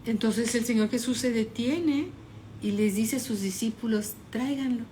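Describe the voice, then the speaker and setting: Woman pastor, high-pitched, fervent sermon delivery, faint noise behind. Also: normal speed. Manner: fervent, dramatic retelling with sudden loud peaks.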